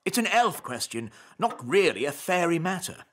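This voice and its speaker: A woman's voice: on the low side, very animated, normal speed, a little hiss or hum. An actress playing a posh, skeptical adult fairy queen with a British accent in a children's cartoon. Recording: music behind the voice.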